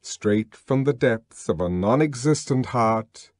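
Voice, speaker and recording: Slow, expressive male audiobook narrator. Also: medium pitch, no echo, clean studio sound. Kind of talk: dramatic audiobook reading.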